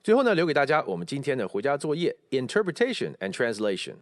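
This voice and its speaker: A man teaching English pronunciation, explaining and slowly repeating English phrases to show stress and intonation. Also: medium pitch, wildly swooping pitch, no echo, clean studio sound. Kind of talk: pronunciation lesson with spoken examples.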